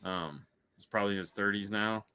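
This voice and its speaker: A man's voice: lowish voice, fairly even intonation, fairly quick, sharp tone, clear, resonant tone. A man from Michigan co-hosting a casual movie chat, rambling and joking with lots of repeated words. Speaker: podcast co-host.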